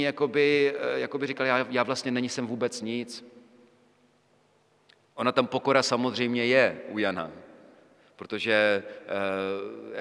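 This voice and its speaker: A man preaches a sermon at a mid pitch, talking in a loose, conversational way with many fillers and little tag questions. His voice hangs in the long reverb of a church. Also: fairly bright tone. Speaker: priest.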